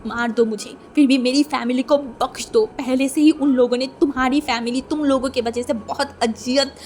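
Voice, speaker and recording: A woman voicing a poor, hurt young man in a storybook reading, shouting and pleading, stammering when frightened. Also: fairly high pitch, level tone, moderate pace, a little hiss or hum, lightly acted. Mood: angry shouting.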